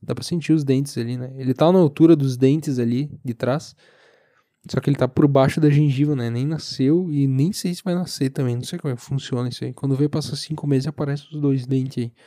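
A young man with a southern Brazilian accent speaks alone in a casual podcast monologue. His voice is soft-edged and relaxed, at a medium pitch, and he sounds sleepy. He meanders informally, often halting as he searches for his words. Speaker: podcast host. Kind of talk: casual solo monologue, rambling. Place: recorded lying down, alone.

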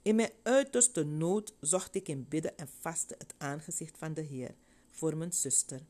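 A woman's voice: sits low, normal speed, lightly acted. Woman reading a weary devout mother. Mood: earnest. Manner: earnest, steady, heartfelt.

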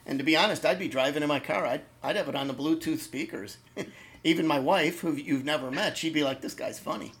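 A man's voice: on the high side, fairly quick, fairly bright tone. A man hosting a podcast, talking loosely and casually with the occasional swear word. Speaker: podcast host. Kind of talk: casual interview chat.

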